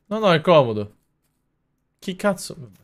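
A young man commenting on a video game as a streamer, swearing a lot, mocking himself and bursting into loud yells. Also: sits high, sing-song, a little slow. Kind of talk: gaming commentary.

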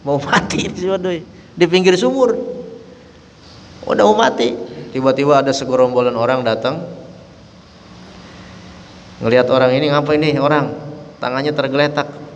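A man's voice: medium pitch, big-room sound, highs cut off, slight background noise. A man giving a dawn sermon as an Islamic teacher, telling the story vividly and acting out the quoted voices. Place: mosque hall.

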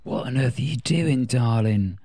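A man's voice: mid-range voice, a little slow, warm tone, husky, no room sound. A man putting on a drawling, vain dandy. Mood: languid. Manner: drawling, theatrical. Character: languid, vain, pot-smoking man who calls everyone darling.

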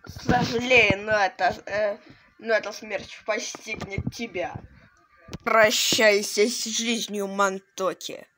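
A woman voicing a crazed, gloating male mad scientist professor in an amateur toy animation, speaking haltingly. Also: mid-range voice, steady tone, a bit bright. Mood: menacing. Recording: noisy home recording with clicks.

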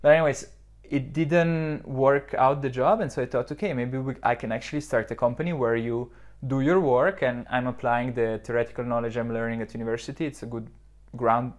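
Here the Swiss startup founder, a man in his twenties from the country's south, talks briskly with few pauses, his medium-pitched voice holding a steady tone. His podcast answers are reflective, packed with fillers and restarts, captured by a lapel mic in a modern office lounge indoors.

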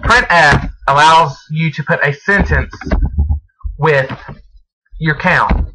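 A man narrating a step-by-step programming screencast, speaking in halting, deliberate phrases as if dictating while he types. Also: on the high side, pushed and bright. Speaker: programming tutorial presenter. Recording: noisy home recording with mouse and key clicks. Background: clear background noise, clicking.

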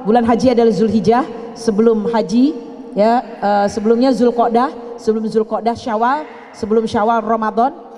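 A woman's voice: on the high side, mellow. An older woman preaching to a women's gathering at a mosque, chatty and playful, teasing her listeners. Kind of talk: sermon. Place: mosque hall. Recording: long hall reverb.

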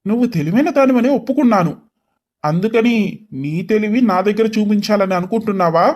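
A man voicing a stern, controlling father in an animated storybook, speaking in a commanding, scolding way. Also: high voice, fairly quick, close to an everyday voice. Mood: angry scolding. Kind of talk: storybook voice acting.

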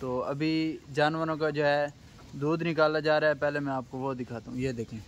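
A man's voice: a little high, fairly even intonation, moderate pace, slight background noise. A young man from Pakistan vlogging a casual walking tour of a cattle farm, guiding viewers and asking the workers questions. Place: outdoor rural cattle farm.

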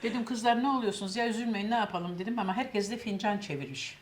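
Older woman, animated storyteller voicing others, faint background noise. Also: mid-range voice, fast. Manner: lively storyteller, acts out quoted voices. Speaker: cooking show host telling a story. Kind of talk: casual anecdote.

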